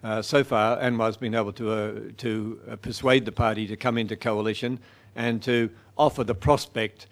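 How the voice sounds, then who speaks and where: A man's voice: lowish voice, steady tone, moderate pace. Hesitant man answering questions. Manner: hesitant, many fillers and restarts. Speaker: guest speaker answering audience questions. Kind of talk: public talk Q&A.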